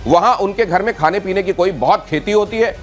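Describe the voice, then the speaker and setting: A man's voice: high voice, brisk, faint music behind. A man anchoring a TV news debate in a studio, reading bulletins with dramatic, rhetorical flair.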